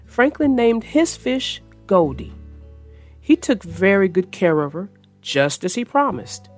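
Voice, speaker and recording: A woman with a mid-range, slightly dark voice hosts a children's read-aloud, speaking in a sing-song way and a bit slowly. She narrates a picture book and chats about it in simple, explanatory terms, with soft music playing in the background.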